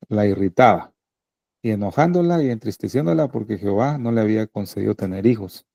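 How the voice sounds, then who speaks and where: A male pastor preaching a sermon in a conversational way, often checking in with the congregation through quick tag questions. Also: mid-range voice, creaky, warm tone, no room sound.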